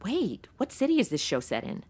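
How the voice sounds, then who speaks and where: An actress voices the lead character and narrator of a comedy audio drama, a breezy, scatterbrained young modern woman who is glib, curious and flippant. Her mid-range, darkish, slightly rough voice is exaggerated, with huge pitch swings and a fairly quick pace. She talks in slangy Valley-girl style, full of "like" and OMG.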